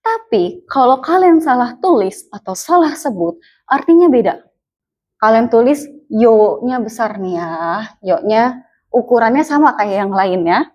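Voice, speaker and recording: A young woman teaches a lesson at an unhurried pace. Her voice sits a little high, and she patiently repeats each sound for her learners. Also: lively intonation, a little mellow. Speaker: Japanese language teacher. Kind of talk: explaining lesson to viewers.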